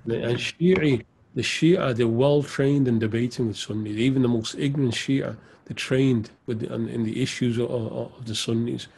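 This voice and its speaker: A man's voice: mid-range voice, normal speed, creaky, few pauses, darkish tone, a little hiss or hum. A man, an Islamic scholar, answering questions in an earnest, direct way during a live Q&A session, with casual banter. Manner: earnest, then teasing and laughing.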